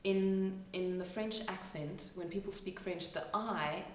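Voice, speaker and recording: A woman who works as an accent coach gives a spoken lesson, explaining sounds step by step and pausing to demonstrate them. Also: lowish voice, slight background noise. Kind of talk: instructional talk to camera. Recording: echoey room, mic at a distance.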